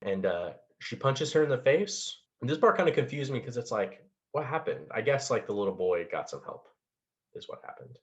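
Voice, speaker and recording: A man's voice: medium pitch, sing-song, a little fast. A man casually recapping a movie plot with lots of fillers and laughs. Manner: rambling, many fillers and laughs. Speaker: podcast co-host. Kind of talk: casual chat about a film. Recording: dull lo-fi sound.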